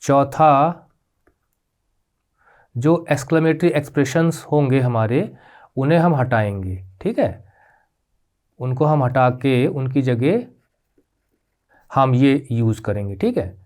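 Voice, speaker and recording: A man's voice: animated, a little mellow. Patient male teacher explaining grammar. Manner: patient, repeats "ठीक है?" checks with rising pitch; spells out terms slowly, mixing English words into Hindi. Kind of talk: classroom grammar lesson.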